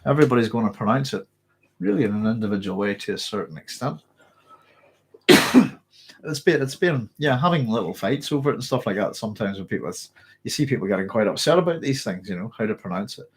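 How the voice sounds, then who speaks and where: With a lowish, slightly rough voice, this man from Northern Ireland talks expressively and briskly while hosting a casual live stream and reading comments. His chat rambles, packed with fillers and restarts, and a cough tickles his throat.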